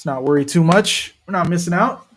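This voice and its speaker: Here a man with a brisk delivery and a voice on the high side hosts a live football watch-along. He keeps up chatty, casual commentary on the match while speaking directly to the people watching.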